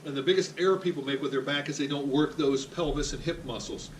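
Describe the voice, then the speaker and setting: A man's voice: fairly high pitch, fast talker. Man, physical therapist coaching exercises, upbeat and jokey, faint background noise, heard from across the room. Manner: upbeat, plain-spoken, joking coach. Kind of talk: exercise demonstration. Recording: echoey room, voice from a distance.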